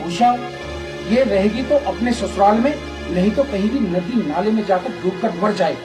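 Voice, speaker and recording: An actor playing a harsh village father who speaks in a gruff, dismissive way. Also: sits high, moderate pace, natural voice. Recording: echoey room with music.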